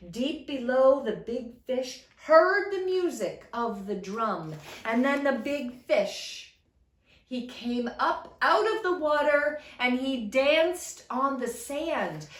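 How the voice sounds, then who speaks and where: Female picture-book storyteller for trickster tales: higher voice, slow, dramatic emphasis, roomy sound. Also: lively intonation. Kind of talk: animated children's trickster tale narration. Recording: roomy echo, mic at a distance.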